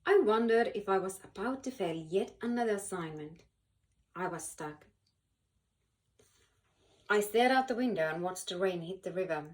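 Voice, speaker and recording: Reading a children's picture book aloud, a woman who volunteers as a storyteller gives a lively, expressive performance full of dramatic pauses and stressed words. Her pitch sits in the middle range.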